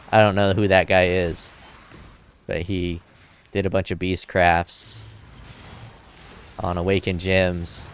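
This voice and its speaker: A slightly drunk man streams a game from his home desk, chatting casually and reading chat messages aloud in a laid-back, rambling, joking way. His voice sits low, picked up by a desk mic in front of the keyboard, with slight background noise.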